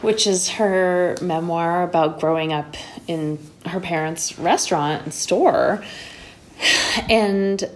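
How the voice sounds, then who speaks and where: A woman novelist talks as a guest in a casual chat, often restarting her sentences and filling gaps with "like" and "you know." Her voice sits slightly low. She was raised in New York. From Connecticut-born, raised in New York. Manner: halting, restarts, many "like" and "you know" fillers. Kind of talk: casual conversation.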